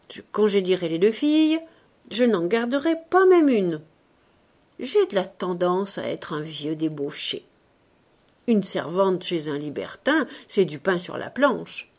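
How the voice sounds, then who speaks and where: A woman voicing a grumpy, sardonic old male showman in an audiobook, talking loudly and blustering. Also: mid-range voice. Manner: loud, blustering, exclamatory. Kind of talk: audiobook reading.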